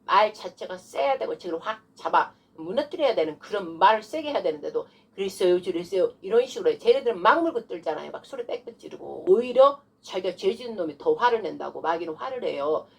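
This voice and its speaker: A woman pastor delivers a sermon at a quick clip, her voice husky. She breaks into loud, commanding rebukes aimed at evil spirits, then drops back into plain preaching. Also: medium pitch, expressive. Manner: forceful, shouting rebukes at devils in prayer examples.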